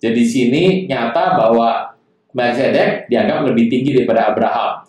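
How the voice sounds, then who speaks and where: A man's voice: medium pitch, normal speed, a little mellow. A male pastor teaching a Bible lesson, addressing his listeners directly and reading scripture aloud. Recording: echoey distant church hall sound.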